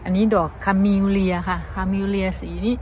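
A woman's voice: mid-range voice, steady tone, a little fast, a little mellow, slight background noise. A woman with an Isan Thai accent, chatting casually to her viewers in a vlog while showing a garden outdoors. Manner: chatty, addresses viewers as brothers and sisters. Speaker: vlogger.

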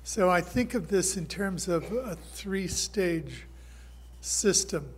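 An older man, a historian on a panel, speaking in a measured, thinking-aloud way at a table mic. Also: high-pitched, lively intonation, husky. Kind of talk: panel talk. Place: conference hall stage.

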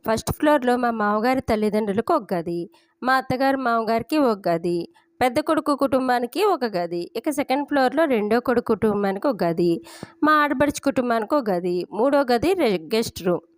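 Woman narrator, first-person audio story, slightly high pitch, dry booth sound. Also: lively intonation, a little fast, no echo.

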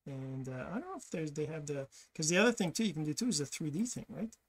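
A middle-aged man from Quebec, Canada, whose first language is French, hosts a podcast with a casual monologue while sharing his screen. His voice is fairly high, expressive and fast as he rambles and corrects himself. He records on a desk webcam in a small home office.

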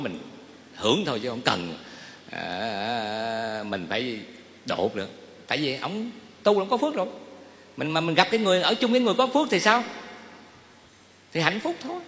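A male monk with a Southern Vietnamese accent gives a dharma talk to a gathering. His fairly high voice moves through a wide, animated pitch range. He keeps turning to the listeners with questions. A long reverb hangs after his words, as in a large hall. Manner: lively, asks the audience questions. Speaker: Buddhist monk.

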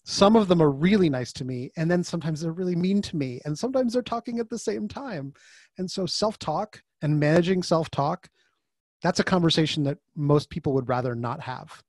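A man's voice: on the high side, a little fast, no echo. A man talking as a podcast guest over a video call, chatting casually and animatedly, acting out the voices in his stories. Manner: animated, acts out quoted voices mid-story. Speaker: podcast guest, author and design facilitator. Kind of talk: casual conversational interview.

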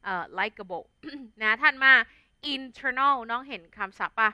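A woman's voice: a little high, slow pace, bright, forceful tone, dry recording, muffled recording. A young adult woman with a Thai accent teaching an English vocabulary lesson in a chatty, casual way, full of fillers and tag words. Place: studio.

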